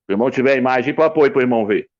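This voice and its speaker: A man's voice: medium pitch, rapid-fire, darkish tone. A middle-aged man, teaching the Bible emphatically as a preacher, repeating his points and speaking straight to the viewer. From Brazil. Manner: repetitive, insistent, addresses viewer directly; writes letters out while explaining. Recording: dull lo-fi recording.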